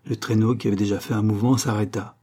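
A man reading a story aloud as narrator, with measured, grave delivery. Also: fairly low pitch, steady tone, dark tone, husky. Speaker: audiobook narrator.

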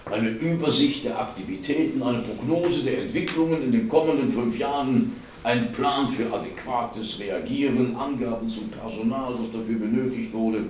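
A man giving a literary reading of a novel at a public event, narrating in a measured, expressive way. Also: on the low side, a little hiss or hum. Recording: echoey hall, voice far from mic.

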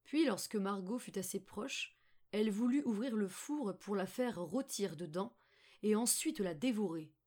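A woman narrating a fairy-tale audiobook. Her reading is calm and measured, with a mid-range voice. She tells the story in an even, steady storybook tone. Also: medium pitch. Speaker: audiobook reader.

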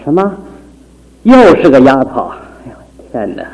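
A man's voice: mid-range voice, sing-song, normal speed, muffled recording. An actor playing a bitter, stubborn husband and father who craves a son, in theatrical radio drama style with a stammering delivery. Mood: dismayed.

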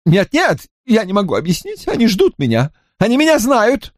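A man voicing a cowardly, panicky gentleman in high, pleading, shrill tones in an audiobook. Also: huge pitch swings, moderate pace, dry recording, clean studio sound.

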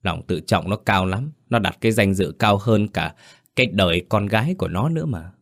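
A man's voice: on the low side, animated, a bit bright. A man playing a cold, scheming young man who speaks curtly and with resentment. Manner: curt, cold, quick and resentful.

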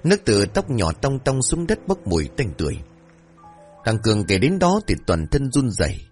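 A man narrating a horror story in a dramatic, expressive way. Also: mid-range voice, normal speed, faint music behind.

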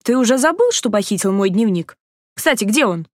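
A woman voicing a stubborn, feverish young woman who speaks hoarsely and indignantly. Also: medium pitch, big pitch swings, fairly quick, no echo, studio quality, close to an everyday voice.

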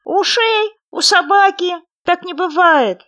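A woman voicing a carefree, cheeky male hare in a storybook reading, asking lively, self-important questions. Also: sits high, normal speed, voice pushed up, full character voice. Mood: proud.

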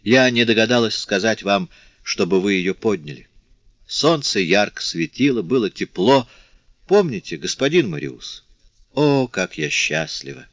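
A man's voice: on the low side, animated, measured pace, a bit bright, dry recording, exaggerated voice. A man reading the part of a dying young woman, weak and tender, speaking faintly in a dry, slightly dull audiobook recording. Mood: tender, wistful. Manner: faint, fading speech.

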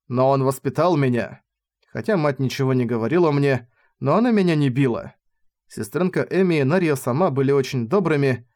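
Male narrator for a novel audiobook, mid-range voice, steady and even. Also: medium pitch.

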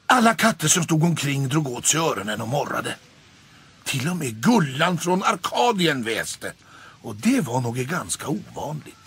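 Lively male storyteller reading a children's book. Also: on the high side, husky. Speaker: narrator. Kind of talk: children's audiobook narration. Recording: faint background music.

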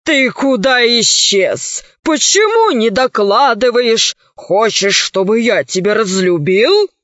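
A fat, lazy crime boss, as a woman reader puts him on, drawling his orders slowly and with lazy authority over his younger brother. The storybook recording is dry and a bit dull. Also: a little high, expressive, a bit bright, dry recording. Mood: domineering.

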